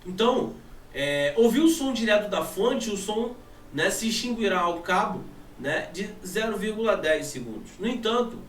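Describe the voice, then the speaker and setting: Animated Brazilian teacher, echoey room. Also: male voice, high-pitched, moderate pace, slight background noise. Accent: Brazilian Portuguese. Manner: animated, asks and answers his own questions. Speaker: physics teacher. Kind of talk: classroom lesson. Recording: echoey room from a distant mic, faint ambience.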